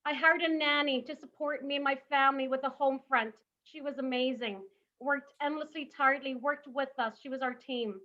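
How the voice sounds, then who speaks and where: A woman in her thirties delivers a motivational talk in a high, bright voice. She leans on emphatic rhetorical questions. The audio sounds a little dull and lo-fi. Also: fairly even intonation, moderate pace. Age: 30s. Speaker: summit speaker.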